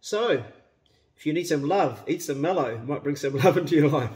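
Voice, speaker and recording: A man's voice: a little high, lively intonation, brisk, darkish tone, breathy edge. A middle-aged man with a broad New Zealand accent, chatting casually to camera in a laid-back, blokey, slangy way. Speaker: vlogger. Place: around a house: kitchen, yard and glasshouse. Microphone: phone at arm's length.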